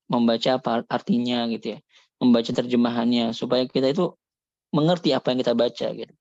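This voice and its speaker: A man giving a religious lesson on Quran recitation, calmly explaining and slowly demonstrating Arabic sounds. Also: medium pitch, vocal fry, dry recording, lo-fi sound.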